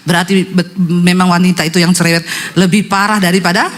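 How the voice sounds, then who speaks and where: A woman pastor preaching a sermon, animated and joking, addressing the congregation directly. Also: lowish voice, fast, background noise.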